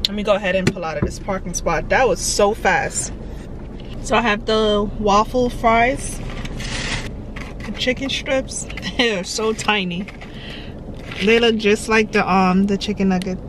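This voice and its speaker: A woman vlogger talks straight to her viewers in a loose, informal way as she records her day on a handheld phone. Her voice sits at an ordinary middle pitch, and her delivery stays easy and conversational. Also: steady tone, measured pace, pauses often, background noise. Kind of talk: casual day-in-the-life vlog chat.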